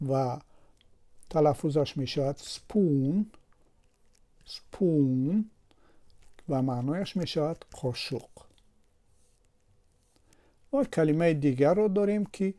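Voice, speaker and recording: Dark-voiced Tajik man teaching English sounds. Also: a little high. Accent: Tajik Persian. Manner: explains slowly, repeats each word and asks himself questions. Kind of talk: pronunciation lesson over a word table.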